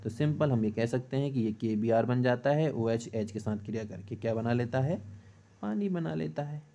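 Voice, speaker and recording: A man's voice: medium pitch, lively intonation, moderate pace, creaky, dark tone, dull audio. A middle-aged man teaching a chemistry exam-prep lesson, explaining step by step and asking and answering his own questions, with short checks to the class.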